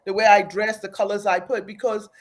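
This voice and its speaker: Speaking briskly in a medium-pitched, flat voice, a woman originally from Aruba and raised in Trinidad recounts her life story in an interview. Her manner is earnest and reflective, with many restarted phrases.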